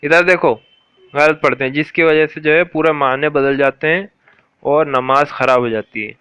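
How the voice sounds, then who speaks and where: A man gives a patient Quran pronunciation lesson, his voice bright and crisp. He repeats words slowly and checks whether his listener follows. The sound is dry and close. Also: on the high side, no room sound, dull audio. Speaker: teacher.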